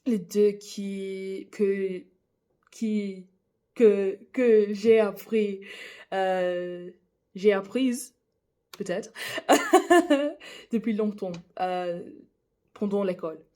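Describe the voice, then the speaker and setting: A woman reading a Bible chapter aloud in French, her English accent clear throughout. Her delivery is careful and measured, catching on a word now and then before going on. Her pitch sits in an ordinary middle range. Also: steady tone, warm tone. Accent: English-speaking accent in French. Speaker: Bible reader, channel host.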